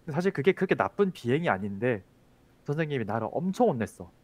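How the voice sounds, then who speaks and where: A man's voice: medium pitch, very animated, fast talker. A man who is a teacher, chatting casually and telling a childhood story, with many fillers. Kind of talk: casual chat.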